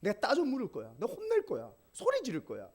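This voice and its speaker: A male pastor voicing an angry, rough wooden boy puppet who fires off indignant questions in a storybook retelling. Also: very high voice, huge pitch swings, quick pace, a little mellow, voice pushed up, full character voice. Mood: fuming.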